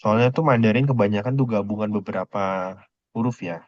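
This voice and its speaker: A man's voice: on the low side, a little fast, no room sound. A male Mandarin teacher, teaching a class casually and checking on his students with short questions. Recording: dull lo-fi classroom recording.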